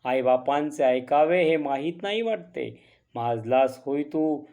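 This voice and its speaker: A man voicing a strict village father who scolds in short, sharp commands. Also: fairly high pitch, measured pace. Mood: angry.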